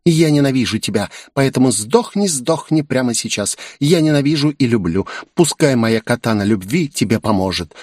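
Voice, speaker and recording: A man's voice: medium pitch, animated, moderate pace, hardly any pauses, darkish tone, dry recording, clean studio sound, voice pushed up, close to an everyday voice. A man voicing a young female pop singer who sweetly sings about killing her first love, in an audiobook. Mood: manic. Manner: sing-song, obsessive repetition. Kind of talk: audiobook character voice.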